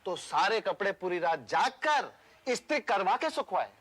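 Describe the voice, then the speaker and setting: A man's voice: high voice, big pitch swings, normal speed, a bit bright, exaggerated voice. An actor playing a timid, henpecked husband complaining plaintively about his wife, in a TV sitcom. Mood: whiny. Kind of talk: TV sitcom acting. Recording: noisy TV soundtrack.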